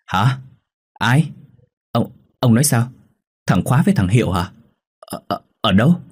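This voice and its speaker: Vai bà vợ quê lo lắng, lắp bắp khi sợ, một nam giới đọc truyện đảm nhận, giọng khàn. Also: male voice, low voice, a little fast, darkish tone, husky. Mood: frightened. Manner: anxious, stammering when scared. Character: worried older village wife, anxious, fussing.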